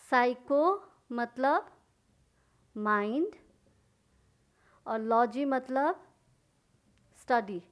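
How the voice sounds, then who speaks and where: Slow-paced woman teacher. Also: high voice. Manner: spells words letter by letter and asks then answers her own questions. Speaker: English teacher. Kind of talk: slow explanatory lesson.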